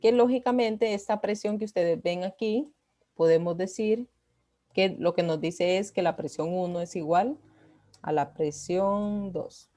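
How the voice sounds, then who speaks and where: A woman's voice: mid-range voice, a little slow, warm tone. A woman teaching a physics class, explaining patiently with frequent "eh" fillers and "¿verdad?" checks. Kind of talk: recorded online class lecture.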